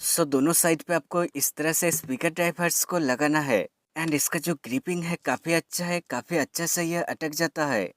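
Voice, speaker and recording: A tech reviewer narrates a step-by-step installation tutorial in an instructional way, calling viewers friends and mixing in English words. His voice is on the high side, at normal speed and fairly bright, with no room sound.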